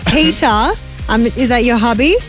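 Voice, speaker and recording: A woman's voice: on the high side, over music. A woman co-hosting a radio show, giggling and drawing out quiz questions. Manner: giggly, drawn-out quiz host delivery. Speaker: radio co-host. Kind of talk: breakfast radio banter. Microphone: studio microphone.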